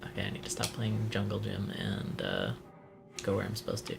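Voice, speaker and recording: A gravelly-voiced man from Italy plays a horror game on stream, reading the in-game text aloud. His pitch swings widely as he jokes about himself, and a faint bed of music sits under his voice. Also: very animated, fairly quick. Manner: reads in-game text aloud, self-mocking. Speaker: let's play streamer. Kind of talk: casual game commentary.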